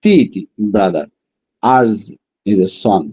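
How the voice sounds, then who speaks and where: Mellow-voiced man teaching a language class. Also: on the low side, breathy edge. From Bangladesh. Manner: drills words slowly, then explains in quick bursts. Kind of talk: online class lesson.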